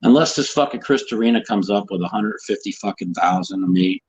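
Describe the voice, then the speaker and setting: A man's voice: on the low side, brisk, husky, poor audio. A man being interviewed as a guest, talking in a heated, emphatic way, swearing often and restarting his sentences. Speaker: guest, professional poker player. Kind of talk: casual interview.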